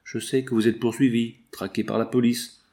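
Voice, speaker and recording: A man reading the part of a kindly village priest, speaking in a calm, measured way. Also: medium pitch, gravelly, close to an everyday voice. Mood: grave.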